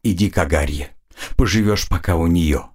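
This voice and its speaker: A man's voice: low voice, normal speed, a little mellow, slightly rough, voice pushed down. A man reading the lines of a stern, weary woman in an audiobook, curt and commanding. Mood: tired.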